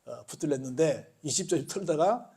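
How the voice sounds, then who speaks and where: Give me a courteous police officer, played by a preacher retelling a story, deferential and a little puzzled. The voice sits high for a man. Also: expressive, brisk, warm tone, breathy edge.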